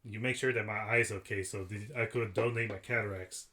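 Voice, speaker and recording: A man's voice: fairly low pitch, steady tone, fairly quick, sharp tone. A man co-hosting a podcast, chatting casually and swearing freely about a movie. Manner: laid-back, swears a lot, quotes lines loosely. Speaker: podcast co-host. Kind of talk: casual movie review chat.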